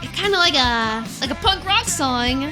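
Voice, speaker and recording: A woman VTuber giving excited, casual reaction commentary, exclamatory and easily amazed. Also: sits high, moderate pace. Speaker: VTuber reacting to anime openings. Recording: music playing behind the voice. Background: anime theme songs.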